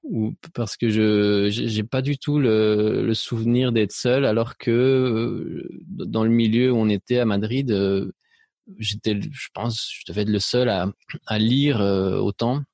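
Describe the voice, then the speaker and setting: A middle-aged Spanish man, an interview guest, reflects on his life in a hesitant way, full of fillers and restarts, with a mixed French accent that leans slightly Belgian. His voice is on the low side, creaky and a little mellow, with fairly even intonation and a measured pace. There is no room sound.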